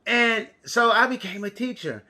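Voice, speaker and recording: A man's voice: very high-pitched, expressive, normal speed, sharp tone. An American man teaching young children, talking as if reading to a toddler, with simple questions and repeated phrases. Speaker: preschool and kindergarten teacher. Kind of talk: children's TV lesson, storytelling and counting.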